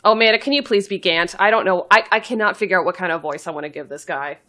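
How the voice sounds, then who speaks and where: A woman's voice: on the low side, fast talker, bright, forceful tone. A woman chatting casually and laughing often while playing a video game on stream, swearing freely. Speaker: let's play streamer. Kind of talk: casual gameplay chat.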